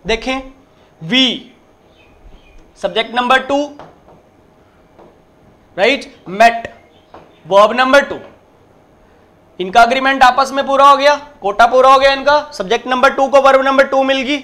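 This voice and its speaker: High-voiced man teaching grammar. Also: bright, forceful tone. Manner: explains step by step, drawls the English example sentences slowly; emphatic, repeats points and keeps checking in. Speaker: English teacher. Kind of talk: exam-prep grammar lecture.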